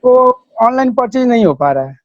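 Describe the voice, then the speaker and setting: High-voiced man cutting out on a bad call. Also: very animated, darkish tone. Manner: halting, trailing off mid-sentence. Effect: choppy voice cutting out on a bad connection. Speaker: meeting participant asking a question. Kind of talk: asking a question on an online call. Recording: muffled lo-fi online call audio.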